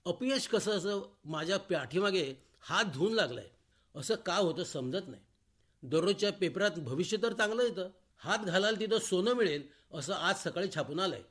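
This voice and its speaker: A man reading a short story aloud for radio, in a measured, expressive way, voicing the dialogue himself. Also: high-pitched. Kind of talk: scripted story narration. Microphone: studio microphone.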